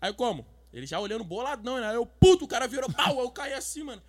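This young man talks high and quick in a casual chat. He tells rambling stories full of slang and swearing, and breaks into sudden loud outbursts. His voice sits well above most men's. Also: expressive. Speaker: guest.

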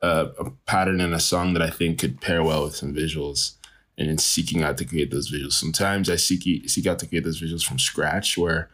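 Speaking at a moderate pace in a rumbling low voice, this travel photographer gives a relaxed interview. He's lively, laughs frequently, and keeps restarting what he says.

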